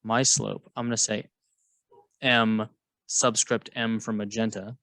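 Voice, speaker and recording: A man's voice: fairly low pitch, level tone, a little slow, bright, forceful tone, no echo. Playful man co-teaching a math lesson. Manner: playful, jokey, asks guiding questions. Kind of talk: co-teaching a lesson, casual banter.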